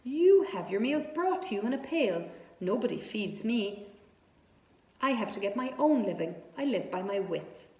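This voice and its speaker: A woman's voice: medium pitch, very animated, normal speed, darkish tone, distant mic. Storybook spider, female, acted by a woman: genteel, frank, matter-of-fact, thin pleasant tone, echoing room. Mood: frank, firm. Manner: matter-of-fact, precise, unapologetic.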